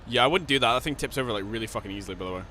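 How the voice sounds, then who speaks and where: Sweary Scottish streamer, bright voice. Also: male voice, mid-range voice, animated, racing, a little hiss or hum. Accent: Scottish, Glasgow. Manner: rambling, heavy swearing, frequent laughter. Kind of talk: casual live-stream chat while gaming.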